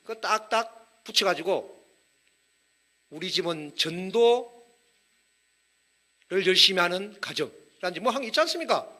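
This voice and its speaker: Animated high-voiced man preaching. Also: normal speed, pauses often. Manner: energetic, humorous, with wordplay and audience prompts. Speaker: pastor. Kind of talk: sermon. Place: church hall.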